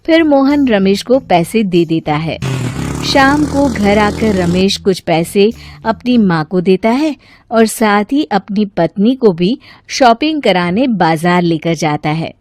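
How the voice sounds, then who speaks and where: A woman's voice: medium pitch, expressive, slow, darkish tone. A woman narrator reading a scripted story.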